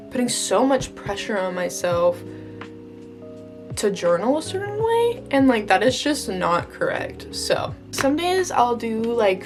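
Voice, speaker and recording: Young woman, American accent, valley girl manner, gushy and casual, mid pitch, vlog chat, background music. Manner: valley girl delivery, frequent "like" and "totally cute", gushing. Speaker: vlogger. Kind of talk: casual chatty vlog showing a journal. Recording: music behind the voice.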